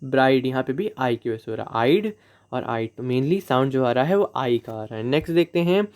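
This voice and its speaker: A man's voice: mid-range voice, animated, a little mellow, clean tone. Indian man teaching a poetry lesson. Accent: Indian English. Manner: explains step by step, slows down to read English examples aloud. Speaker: English teacher. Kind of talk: classroom lesson, Hindi with English.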